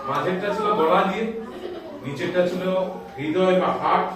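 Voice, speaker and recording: A man's voice: sits high, normal speed, very echoey, far from the mic. A man teaching schoolchildren a music lesson, explaining step by step, calling out scale notes and scolding the chatty ones. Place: school classroom.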